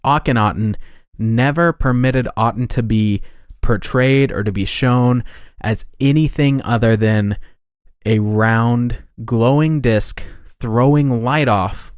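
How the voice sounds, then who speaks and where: Male podcast host, mid-pitched, rambling and self-correcting, dry close mic. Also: clean tone, no echo. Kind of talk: casual podcast monologue.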